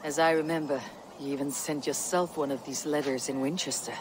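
Eivor, husky stoic Viking warrior woman acting. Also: deep voice, steady tone, brisk, noisy background, lightly acted. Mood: wry, probing. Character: stoic, proud female Viking warrior, wry and probing. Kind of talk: video game cutscene acting. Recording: music behind the voice.

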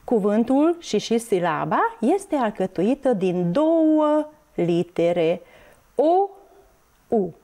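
A woman teaching a televised reading lesson to young children, speaking slowly and clearly and spelling out words letter by letter. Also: medium pitch, sing-song, warm tone. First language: Hungarian. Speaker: primary school teacher.

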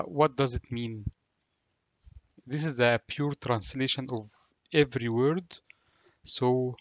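Man, Egyptian Arabic accent, native Arabic speaker, language teacher, deliberate word-by-word explaining, mid pitch, dry slightly lo-fi sound. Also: no echo. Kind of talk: language lesson, slow explanation with repeated phrases.

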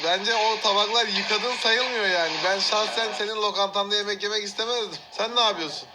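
A man's voice: high-pitched, steady tone, brisk, background noise. A man hosting a casual reaction video, exclaiming and laughing often as he comments on clips.

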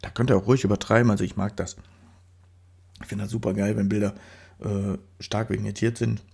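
A man with a stuffy, cold-clogged nose records a casual photo-editing tutorial voice-over on a studio mic, rambling and backtracking to correct himself. He sounds fairly low, gravelly, husky and darkish, with a flat delivery at a slightly fast pace.

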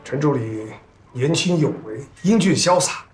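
An actor playing a jovial, flattering property boss who toasts his guests. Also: medium pitch, fairly quick, faint music behind, lightly acted. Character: flattering, jovial male tycoon at a banquet. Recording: roomy, from a distance.

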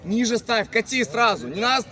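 Commanding male coach with a high voice. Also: lively intonation, normal speed, pushed and bright. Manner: commanding, insistent, repetitive. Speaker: football coach. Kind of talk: calling instructions during a match. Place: outdoor football pitch. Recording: outdoor pitch with crowd behind.

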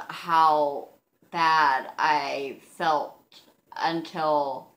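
A woman in her thirties speaking without teeth, with soft slurred articulation, chatting casually and a little self-consciously to her camera. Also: sits low. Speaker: vlogger. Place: living room, seated on a couch indoors. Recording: roomy, echoing home recording.

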